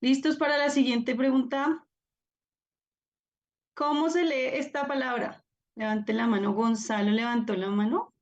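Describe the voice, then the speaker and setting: A woman's voice: high voice, steady tone, a little slow, long pauses, muffled recording. A woman teaching a live online class, encouraging and upbeat as she calls on students by name over a video call. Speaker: Biblical Greek teacher.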